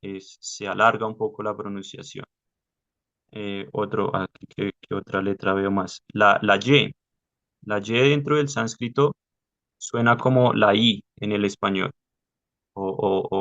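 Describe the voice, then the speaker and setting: A man explains a text to his class over a video call, step by step, pausing often. His voice sits low and gravelly but has a bright, forceful edge. The lo-fi call audio sounds dull. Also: fairly even intonation. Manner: patient, explaining step by step with many pauses and fillers. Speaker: study group leader.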